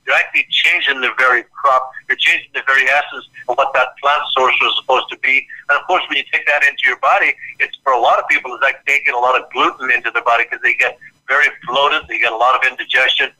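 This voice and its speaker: Man from Ireland, expert guest, very bright and forceful voice, quick emphatic delivery. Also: medium pitch, fairly even intonation, rough recording. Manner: fast and emphatic, storytelling. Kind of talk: casual interview talk.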